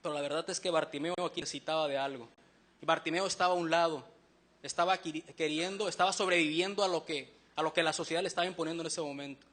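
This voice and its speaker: Preacher guy, high bright voice, earnest, asks the church lots of questions. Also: fairly even intonation. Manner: earnest, questioning the congregation, slows down to read verses. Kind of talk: sermon.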